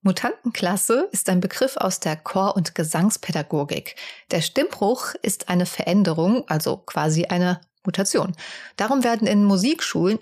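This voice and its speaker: A woman's voice: medium pitch, a little mellow. A woman co-hosting a podcast in casual chat, teasing and playful, laughing often. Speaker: podcast co-host.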